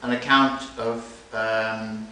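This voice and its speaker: At a live reading in a library event room, a literary translator introduces and reads an extract from a novel. His lowish voice is flat, slow and sharp-toned. A recorder placed far from him captures an echoey, hissy sound.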